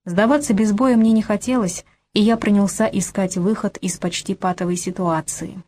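Woman reading an audiobook, even measured storytelling. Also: medium pitch, slight background noise. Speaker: audiobook reader. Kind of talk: audiobook narration.

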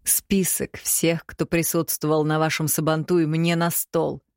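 A woman voicing a stern, domineering rich middle-aged father in an audiobook, with slow commanding lines. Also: deep voice, flat delivery, a little mellow, no echo, clean studio sound.

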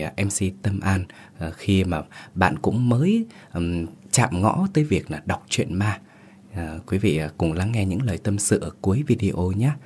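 A man hosting a channel and narrating a ghost story at a steady, measured storytelling pace. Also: low voice, a little hiss or hum. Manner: steady, measured storytelling with a polite host's greeting.

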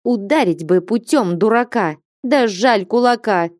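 A woman voicing a bold, impatient young woman who scolds and mocks in a raised, lively voice. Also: medium pitch, measured pace, no echo, studio quality, lightly acted. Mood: scolding. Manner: scolding, insistent, mocking.

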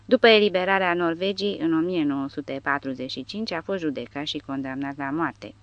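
A woman narrating an audiobook with a steady, dramatic reading. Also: low-pitched, dry recording. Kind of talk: scripted narration. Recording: dry, dull lo-fi recording.

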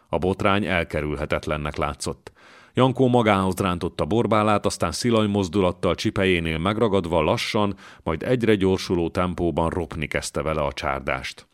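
A man narrating a historical novel as an audiobook, in a steady, measured manner. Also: sits low.

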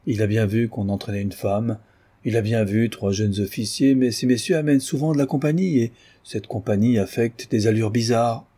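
A man reading an audiobook, voicing a grave older general who recounts events in a measured, solemn way. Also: fairly low pitch, dark tone, slightly rough.

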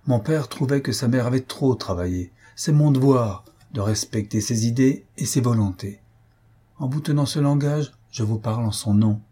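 Proud young woman, soft but firm, dark husky read, guy doing her lines. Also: mid-range voice, moderate pace, close to an everyday voice.

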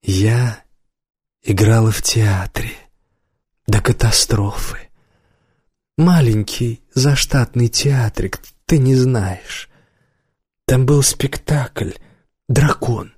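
A man voicing a drunk former stage actress in an audiobook, speaking in a dramatic, breathy, husky way that shifts between loud whispers and wistful musing. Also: drawn-out words, long pauses, no room sound, studio quality. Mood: wistful, tipsy. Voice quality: low husky laugh, breathy hot whisper. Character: tipsy former stage actress, woman, theatrical.

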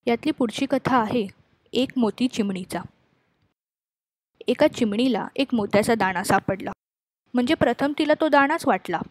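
Dry, higher-voiced woman reading a story. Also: moderate pace, pauses often, no room sound. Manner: lively, acts out the sparrow's and wife's lines. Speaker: narrator.

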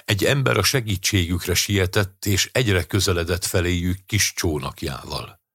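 A man narrating an audiobook story in a measured, even way. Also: sits low, husky, no room sound, studio quality.

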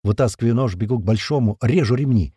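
A man narrating a first-person audiobook in a colloquial, rough-spoken, vivid way. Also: mid-range voice, fast talker, warm tone, no room sound, studio quality.

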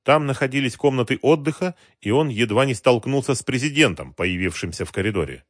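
A man narrating an audiobook in a measured storytelling voice. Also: mid-range voice, animated, dry recording, studio quality. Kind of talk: scripted narration.

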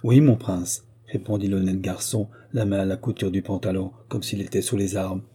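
A man narrating a classic novel as an audiobook, reading in a measured, even way. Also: low voice, slightly rough.

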